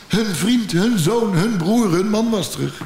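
A man with a Dutch accent doing stand-up storytelling, blunt and profane with a deadpan delivery. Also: high voice, unhurried, roomy sound, slight background noise. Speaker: stand-up comedian.

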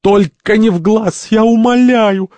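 A man voicing a panicky, bad-tempered male cardinal who shouts and pleads in a stage-play reading. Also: fairly low pitch, normal speed, dry recording, natural voice. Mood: pained.

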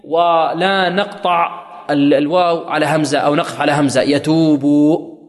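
A man teaching Quran recitation rules, quizzing his students with questions and chanting verses slowly to demonstrate. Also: a little high, fairly even intonation. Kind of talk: tajweed lesson with chanted recitation. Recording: echoey hall.

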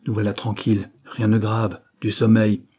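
Calm self-assured detective, man reading, low dark husky voice. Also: normal speed. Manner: confident, reassuring.

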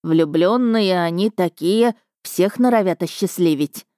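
Woman reader playing a touchy little house spirit, male, sulky and whiny; pitched up, warm mellow tone, dry close sound. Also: a little slow, no echo, natural voice. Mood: suspicious. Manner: sulky, wailing, sniffling. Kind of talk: audiobook character voice.

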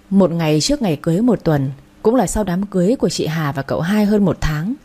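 A woman's voice: on the low side, mellow, slightly rough. A woman narrating a romance novel in the first person, reading every character's lines in her own voice and speeding up in heated exchanges.

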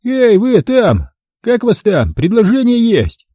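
A shrill, piping male thug, sly and spiteful, voiced with lively swoops far above a normal man's pitch. The tone is dark and husky despite the height. A man puts him on while narrating a storybook. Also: slow pace, dry recording, dull audio, heavily acted. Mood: scheming. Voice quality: squeaky, piping.

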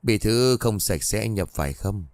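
A man voicing a calm, knowing old woman healer in a spoken ghost story. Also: on the low side, a little slow, no room sound.

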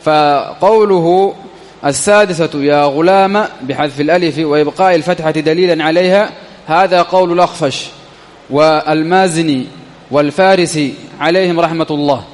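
Guy teaching old grammar text, high voice, says stuff twice slow, long echo around him. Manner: repeats words and phrases slowly to drill them. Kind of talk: explaining a classical grammar text.

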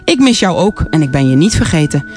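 A woman voicing a matter-of-fact, brisk male ant while reading a storybook aloud, in a knowing tone. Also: low-pitched, sing-song, a little mellow, soft background music.

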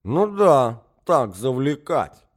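A man reading an audiobook, voicing a muddled, forgetful old prince who rambles and brightens easily. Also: medium pitch, sing-song, slow pace, pitched above the performer's own voice. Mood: delighted.

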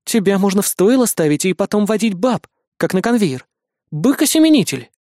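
A man voicing a mocking, sharp-tongued young woman who teases with crude jokes. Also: high voice, animated, fairly quick, dry recording, studio quality. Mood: teasing.

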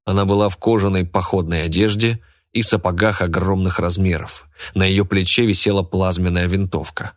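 A man narrating an audiobook in a steady, even reading voice. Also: deep voice, moderate pace, no echo, studio quality.

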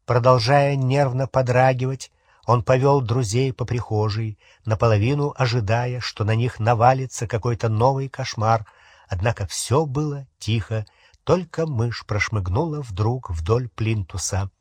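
A male narrator reads a novel aloud in steady scripted storytelling. His voice is husky and sits at a middling pitch. The recording is dry and close, with no room sound. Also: unhurried, no echo. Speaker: audiobook narrator.

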